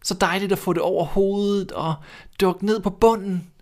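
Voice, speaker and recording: A sad young duckling speaks plaintively and earnestly, as a man reading a storybook plays it. The voice is pitched up above a plain speaking voice and sounds a little strained. It is soft and wistful rather than bold. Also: steady tone.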